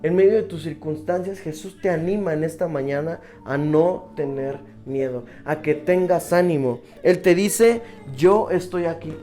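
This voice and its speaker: A man's voice: a little high, moderate pace, hardly any pauses, mellow, faint music behind. A man preaching a sermon who keeps checking in with his listeners through rhetorical questions.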